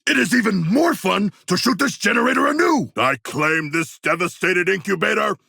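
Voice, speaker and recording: An actor playing a proud, earnest shark demigod in a video game, speaking in formal, stately, grandiose phrases. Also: male voice, high-pitched, expressive, moderate pace, vocal fry, bright, forceful tone, husky, no room sound, clean studio sound, full character voice. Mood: triumphant, battle-hungry. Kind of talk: video game character voice lines.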